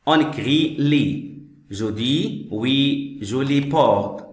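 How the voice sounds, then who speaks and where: Slow, patient man teaching French. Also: mid-range voice, expressive. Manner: slow, patient, repeats phrases and glosses them in English. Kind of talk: slow classroom explanation. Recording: echoey room.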